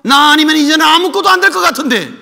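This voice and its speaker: A worn-out prophet pours out his lament to God, pleading and complaining, as a male preacher acts him out. His high, bright voice swings widely between lines and rings through a hall with a long reverb. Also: expressive, fast talker, creaky, full character voice. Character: weary despairing prophet, adult man, lamenting.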